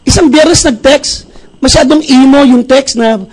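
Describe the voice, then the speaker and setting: A middle-aged pastor from Bacolod speaks in a strikingly high voice for a man. He gives a motivational testimony speech and tells his stories with animation, acting out each conversation. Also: a little slow, rough recording. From Bacolod, Philippines. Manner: animated storyteller who acts out dialogue.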